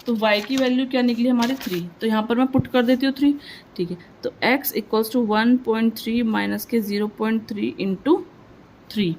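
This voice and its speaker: A woman's voice: a little high, fairly even intonation, moderate pace, a little mellow, a little hiss or hum, rough recording. A woman teaching a maths lesson step by step, working the sums aloud and asking and answering her own questions as she goes. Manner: mixes English words into Hindi explanation.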